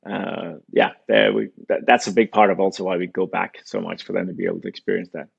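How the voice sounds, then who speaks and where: A middle-aged man from Denmark, a native Danish speaker, talking in a relaxed, thoughtful way as a guest in an interview. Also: low-pitched, fast talker, creaky, slightly rough, muffled recording. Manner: relaxed, thoughtful, frequent fillers. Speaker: guest, company founder. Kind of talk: casual interview conversation.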